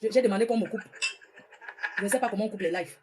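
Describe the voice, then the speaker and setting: A woman's voice: mid-range voice, fast talker, noisy background. A woman in her forties from northern France, ranting confrontationally on a live stream and repeating her points. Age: 40s. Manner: confrontational, repetitive, scolding. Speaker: social media livestreamer. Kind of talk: heated live-stream rant.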